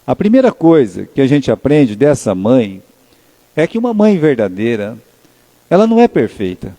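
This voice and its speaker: A male pastor with a Brazilian Portuguese accent preaching a sermon in a chatty, storytelling manner, often tagging questions onto his sentences and slowing down to read scripture. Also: medium pitch, very animated, warm tone. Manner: conversational storytelling, frequent tag questions, slows to read scripture. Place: church sanctuary. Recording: long church reverb.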